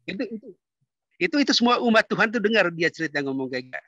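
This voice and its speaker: A man giving a casual, halting testimony to a church group, repeating himself as he goes. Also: high voice, big pitch swings, bright, forceful tone, no room sound. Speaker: church member guest. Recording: dull dry sound.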